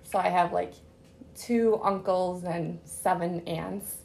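A woman's voice: fairly low pitch, fairly even intonation, slow pace, gravelly, darkish tone, rough recording. A woman in her thirties from Chicago, chatting casually as a guest and laughing often. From Chicago, USA. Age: 30s. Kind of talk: casual chat.

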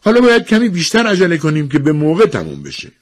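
A brisk village official, played by a male narrator calls names and explains the rules in a formal tone. His husky voice sits a little higher than the narration. It sounds like an audiobook. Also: huge pitch swings. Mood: businesslike. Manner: formal, businesslike announcing. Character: brisk, formal middle-aged man running the village lottery.

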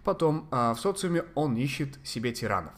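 Male podcast guest, mid-pitched, explaining self-help practice conversationally, hesitant as he hunts for Russian words. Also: sing-song. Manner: halting, searching for Russian words.

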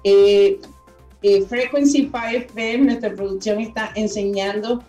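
A woman hosting a radio talk show, chatting casually with a guest, effusive and quick to laugh, with many fillers. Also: mid-range voice, steady tone, mellow, roomy sound, far from the mic, dull audio, faint music behind.

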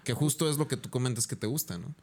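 Laid-back young Mexican podcast co-host. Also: male voice, medium pitch, quick pace, darkish tone. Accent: Mexican Spanish. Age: young adult. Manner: laid-back, heavy slang. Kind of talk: casual chat.

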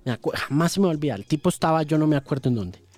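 A radio host from Colombia, telling stories in an interview, animated and full of repeated words and restarts. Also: male voice, fairly high pitch, very fast, faint music behind. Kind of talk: storytelling in an interview.

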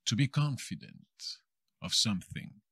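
A man from Spain with a Castilian accent, teaching a lively bilingual Spanish lesson and acting out small everyday scenes. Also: fairly low pitch, slow pace, creaky, husky, no echo, studio quality. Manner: animated, acts out little everyday scenes.

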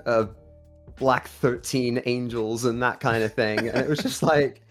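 A man's voice: mid-range voice, steady tone, measured pace, faint music behind. A young man from Kuwait, a band singer, chatting casually as a podcast guest and reminiscing. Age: young adult.

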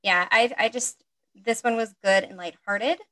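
A woman's voice: a little high, a little slow, pushed and bright. A woman co-hosting a podcast, chatting casually with fillers and then reading a story aloud. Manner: chatty, filler-heavy, laughs at herself. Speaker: podcast co-host and reader.

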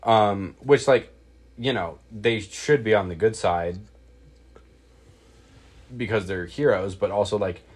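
A man's voice: on the low side, takes it slowly, pauses often. A man co-hosting a casual podcast, complaining in a dry, unimpressed way. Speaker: podcast co-host. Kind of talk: casual chat.

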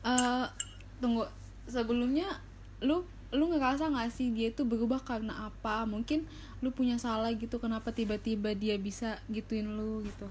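A woman's voice: a little high, steady tone, normal speed, a little mellow, a little hiss or hum, poor audio. Young woman with slurred r sounds. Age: young adult. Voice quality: slurred r sounds, a speech impediment. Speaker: podcast host. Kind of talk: casual slangy podcast chat.

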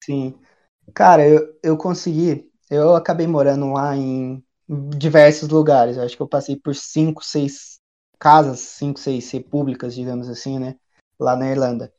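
A man from Brazil, chatting casually as a guest, with a relaxed, rambling way of telling stories. The recording sounds dull and lo-fi. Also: medium pitch, unhurried. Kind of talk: casual chat.

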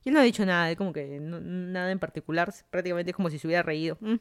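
A man's voice: sits high, rapid-fire, smooth. A man from Peru hosting a podcast, commenting on the news in a casual monologue and thinking aloud with frequent restarts. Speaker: podcast host.

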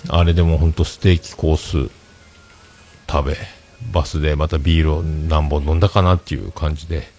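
Rambling low-voiced man chatting on a stream. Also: little pitch movement, brisk, darkish tone, soft background music. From Fukuoka, Japan. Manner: rambling, chatty, self-mocking. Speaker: livestream host. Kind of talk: casual solo livestream chat.

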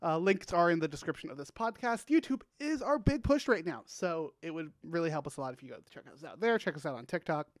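A man's voice: fairly high pitch, lively intonation, fast, few pauses, no room sound. A man hosting a casual podcast, upbeat and rambling with plenty of fillers. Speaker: podcast host.

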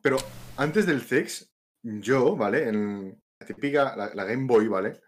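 A man, chatting casually as a podcast co-host and tossing in quick slangy interjections. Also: mid-range voice, expressive, slight background noise. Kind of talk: casual chat.

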